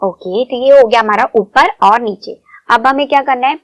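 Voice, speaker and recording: A woman's voice: a little high, moderate pace, no room sound. A woman teaching young children, coaxing answers with questions. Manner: coaxing, asks the class questions.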